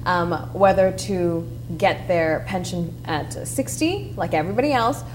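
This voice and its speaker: Measured woman interviewer over faint noise. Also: fairly low pitch, poor audio. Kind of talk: one-on-one political interview. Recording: steady background noise.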